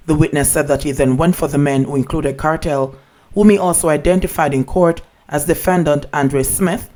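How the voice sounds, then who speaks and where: Male news narrator, pitch a little above average, formal scripted delivery. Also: a little mellow.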